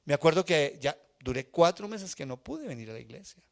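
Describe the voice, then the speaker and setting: Pastor preaching a heartfelt sermon. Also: male voice, fairly high pitch, big pitch swings, fairly quick, vocal fry. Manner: emotional personal testimony, asks the congregation questions. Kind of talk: live sermon. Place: church sanctuary before a congregation.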